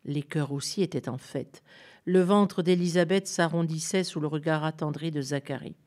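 A woman reading a children's story aloud in a gentle, expressive way. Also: deep voice, moderate pace.

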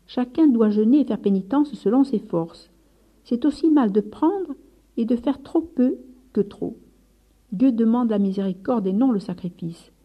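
A woman's voice: a little high, lively intonation, a little slow, muffled recording, voice pushed up. A woman doing an earnest, fervent friar. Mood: earnest, stern. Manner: earnest, rising with emphatic urgency. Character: fervent gentle male friar leader.

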